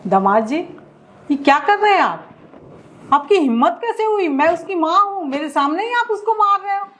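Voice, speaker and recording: A woman's voice: extremely high pitch, very animated, moderate pace, a bit bright, heavily acted. An actress playing a protective middle-aged mother who scolds her son-in-law for mistreating her daughter. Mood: indignant. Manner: scolding, indignant. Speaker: wife's mother.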